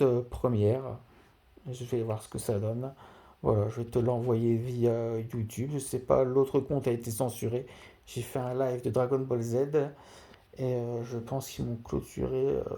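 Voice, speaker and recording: Un homme qui zozote, avec des s chuintants, commente en amateur un match de jeu vidéo en direct et répète certains mots pour insister. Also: male voice, mid-range voice, vocal fry, mellow. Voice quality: lisping, slushy s and sh sounds. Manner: repeats key words for emphasis. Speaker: amateur live streamer. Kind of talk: football video game commentary and dedication to a friend.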